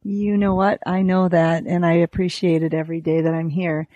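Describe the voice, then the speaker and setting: A woman with a fairly low voice talks casually as a podcast guest. She is an outdoorswoman from the Green Bay area, and the sound is very dry. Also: level tone, moderate pace, mellow, no room sound, lo-fi sound. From Green Bay area, United States. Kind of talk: casual interview chat. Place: small lakeside cabin, indoors.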